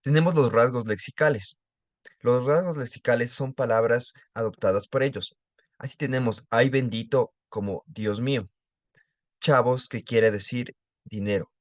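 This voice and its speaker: A man's voice: medium pitch, normal speed, no echo. A man giving a class presentation, plainly listing word examples.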